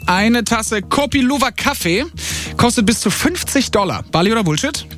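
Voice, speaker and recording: A male radio host running an on-air quiz game with a caller, energetic and slangy, dropping in English words. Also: extremely high pitch, moderate pace, over music. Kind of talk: upbeat radio game show hosting.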